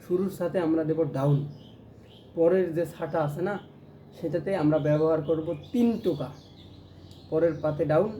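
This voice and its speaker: A man's voice: fairly high pitch, normal speed, pauses often, slight background noise. A man teaching a ukulele lesson, explaining strums and chanting rhythm syllables as he plays. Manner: counts strums and chants rhythm syllables aloud while playing. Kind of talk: music lesson. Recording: loud plucked strings under the voice.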